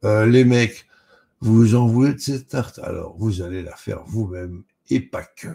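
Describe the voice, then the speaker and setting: A man voicing a cheerful, bossy female chef, with brisk, commanding and playful lines. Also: on the low side, steady tone, vocal fry, warm tone, breathy edge, pitched above the performer's own voice, exaggerated voice. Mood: mock-solemn.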